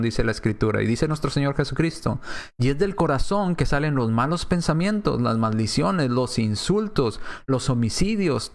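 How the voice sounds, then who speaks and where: Conversational Spanish-language preacher man. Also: mid-range voice. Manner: conversational, acts out quotes and slang voices. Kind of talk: sermon. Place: church.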